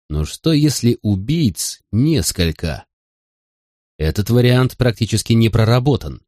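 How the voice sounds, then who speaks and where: A man's voice: medium pitch, darkish tone, no echo, clean studio sound. A man narrating a first-person detective story in an audiobook reading.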